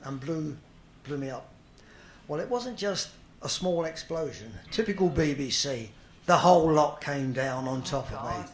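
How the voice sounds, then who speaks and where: Male guest, wry dry humor, slightly high pitch, echoey room. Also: lively intonation, measured pace, a little hiss or hum. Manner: wry, dry joking storyteller. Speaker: convention guest actor. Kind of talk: humorous anecdote on stage. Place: hall at a fan convention. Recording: echoey hall, faint ambience.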